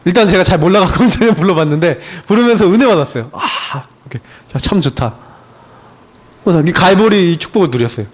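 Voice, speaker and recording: A middle-aged male pastor preaching a sermon in a lively, conversational way, often asking rhetorical questions of the congregation. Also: high voice, quick pace, breathy edge.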